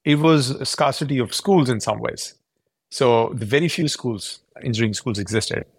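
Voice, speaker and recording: A man's voice: medium pitch, moderate pace, husky. Give me an earnest man explaining. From Pakistan. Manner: earnest, explanatory, with frequent restarts. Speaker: tech company founder, guest. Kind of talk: podcast interview answers.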